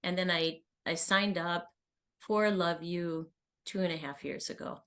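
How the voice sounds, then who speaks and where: A woman in her early sixties, appearing as a guest, talks candidly and chattily as a coaching client, sharing a personal account and asking a question. Her voice sits on the low side, steady and a bit bright, and she speaks a little slowly.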